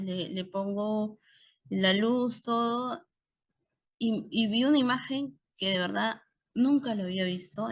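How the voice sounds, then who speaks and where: A middle-aged woman with a Peruvian Spanish accent, an obstetrician lecturing in an online course and telling clinical anecdotes with frequent tag questions. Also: medium pitch.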